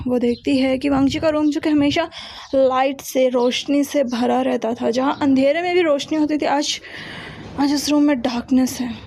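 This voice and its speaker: A woman's voice: sits high, gravelly, a little mellow, breathy edge. A woman narrating an emotional love story, often repeating her words as she goes.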